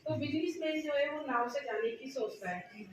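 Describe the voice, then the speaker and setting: Woman, storytelling, high voice, far from the mic, echoey hall, background noise. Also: lively intonation, moderate pace. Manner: plain, step-by-step storytelling. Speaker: trainee telling a story. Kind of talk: storytelling a moral tale. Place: indoor training hall. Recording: echoey room from far off, noisy.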